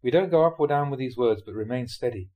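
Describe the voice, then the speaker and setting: A Buddhist monk reads translated dharma talks aloud like a scripted audiobook, his mid-range voice measured and deliberate in short clauses. The recording has a lo-fi quality.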